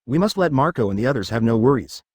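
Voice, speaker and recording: A man voicing a bold male pirate captain who rallies his crew in loud shouts, within a narrated story. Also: medium pitch, expressive, quick pace, breathy edge, no room sound, clean studio sound. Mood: rallying.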